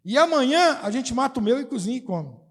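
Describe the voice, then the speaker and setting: A man's voice: extremely high pitch, very animated, fast, gravelly, fairly bright tone, in a large hall, pitched above the performer's own voice, exaggerated voice. A man preaching a sermon, voicing a starving ancient mother who makes an urgent complaint to a king in a raised voice. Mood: urgent, pleading.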